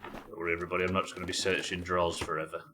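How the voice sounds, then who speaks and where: A man giving casual live commentary as he streams a video game, thinking out loud. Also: sits low, completely flat delivery, racing. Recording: faint background noise.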